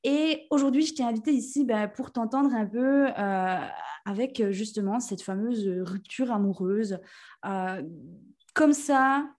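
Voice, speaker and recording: Lively Swiss French woman host. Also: a little high, measured pace. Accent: Swiss French, Jura. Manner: lively, many fillers. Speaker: podcast host, nutrition therapist. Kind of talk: casual interview chat.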